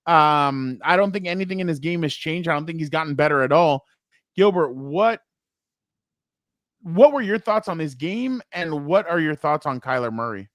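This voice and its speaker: Chatty man, fairly high voice. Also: lively intonation, a bit bright, no room sound, clean studio sound. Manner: rambling, self-correcting, quick laughs. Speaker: podcast co-host. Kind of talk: casual sports chat.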